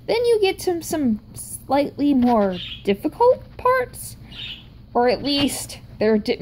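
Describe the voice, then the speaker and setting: A woman talks slowly and loosely, explaining things in a chatty, self-interrupting ramble. Her voice is mellow and dark, never sharp. A faint background noise runs under the recording. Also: on the high side. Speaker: vlogger explaining Korean writing.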